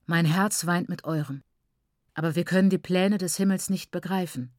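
A woman's voice: on the low side, moderate pace, darkish tone, no echo, clean studio sound, natural voice. A woman reading a grave elder patriarch. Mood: consoling. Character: solemn elder uncle, dignified patriarch.

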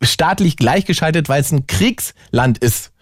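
A man's voice: a little high, lively intonation, a little slow, dry recording. A male host in a heated debate, pushing back hard, cutting in and repeating his points. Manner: pushy, interrupting, repeating himself.

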